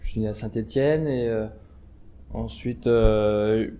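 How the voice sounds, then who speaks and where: A man's voice: on the low side, slow pace, mellow, a little hiss or hum. A man voicing the words of students in an interview, hesitant, with many fillers and restarts. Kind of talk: first-person introductions in interview.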